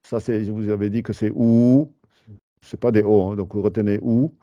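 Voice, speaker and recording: A man explaining a beginner's lesson in a patient, halting way, with frequent fillers and restarts. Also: on the low side, little pitch movement, mellow, no echo. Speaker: Arabic teacher.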